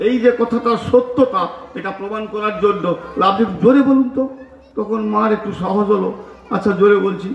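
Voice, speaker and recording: High-voiced Bengali preacher telling a story. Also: male voice. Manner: acts out dialogue between characters, chants loudly. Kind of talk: devotional storytelling sermon with chanting. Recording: roomy, dull lo-fi recording.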